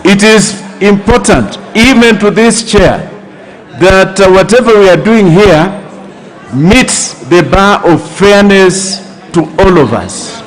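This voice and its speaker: High-pitched man presiding in an echoing chamber. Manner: calling order, authoritative; deliberate, repeats phrases for emphasis. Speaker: parliamentary chair presiding over debate. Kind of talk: formal procedural address from the chair. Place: large indoor legislative chamber. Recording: echoey parliament chamber with long reverb.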